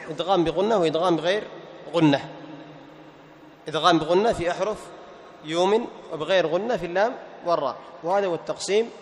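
A man with a fairly high, gravelly voice teaches a Quran recitation class, quizzing his students and occasionally chanting verses. The recording carries faint noise and long reverb.

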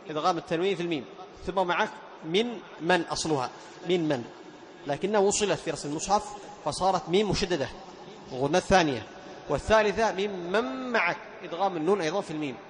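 High-voiced man teaching Quran recitation. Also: a little hiss or hum. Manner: explains rules, then chants verses slowly and drawn out; quizzes students and praises answers. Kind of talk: tajweed lesson with recited examples.

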